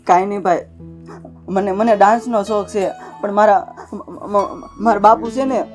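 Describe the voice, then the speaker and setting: A woman's voice: medium pitch, unhurried, darkish tone, faint music behind, natural voice. A young woman playing a village daughter who dreams of dancing, speaking hesitantly and tearfully. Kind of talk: village family drama acting.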